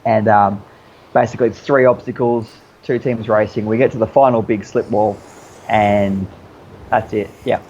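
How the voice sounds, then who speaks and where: A man's voice: fairly low pitch, steady tone, normal speed, darkish tone, dull audio, slight background noise. A man chatting casually as a guest, telling stories in an easygoing, rambling, slangy way. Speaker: interview guest, obstacle racer. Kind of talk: casual storytelling chat.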